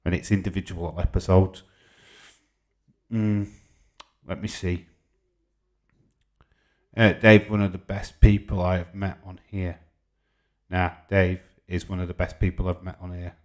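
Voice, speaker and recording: This low-pitched, flat voice belongs to a Yorkshire man in his forties who runs a relaxed livestream. He speaks a little slowly with frequent pauses, reading viewer comments aloud and joking around in his replies.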